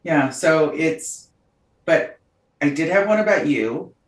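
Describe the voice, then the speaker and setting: A woman's voice: low-pitched, takes it slowly. A woman co-hosting a podcast, chatting casually and telling a story with frequent laughter. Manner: animated storyteller, laughs often. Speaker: podcast co-host. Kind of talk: casual chat. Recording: roomy, distant mic.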